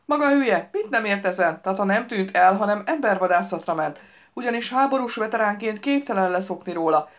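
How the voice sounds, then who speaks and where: A woman reading an audiobook, voicing a loud, bossy middle-aged daughter who scolds and rambles over the phone. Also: medium pitch, expressive, close to an everyday voice. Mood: shrill scolding.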